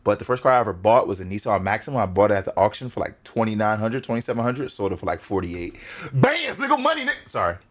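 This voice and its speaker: A man's voice: lowish voice, fast talker, hardly any pauses. A young man streaming, reacting to a video with loose, joking talk aimed at his chat. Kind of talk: casual reaction commentary.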